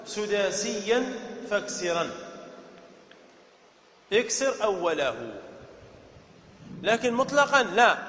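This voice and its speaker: High-voiced man teaching in an echoey hall. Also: a bit bright. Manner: asks the class questions, repeats key words. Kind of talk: Arabic grammar lesson. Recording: dull echoey hall recording.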